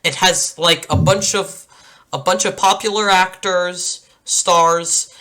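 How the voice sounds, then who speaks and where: A young man hosting a casual podcast, talking in a halting way and stammering over his starts. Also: sits high, steady tone, sharp tone, low-quality recording. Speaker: podcast host.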